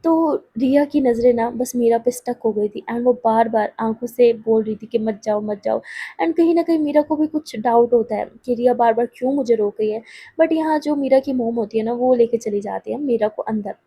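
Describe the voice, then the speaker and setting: A woman storyteller who narrates in a chatty, casual way and talks straight to her listeners. Her voice sits fairly high, with a mellow tone and a husky, breathy grain. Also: moderate pace. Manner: chatty, addresses listeners directly.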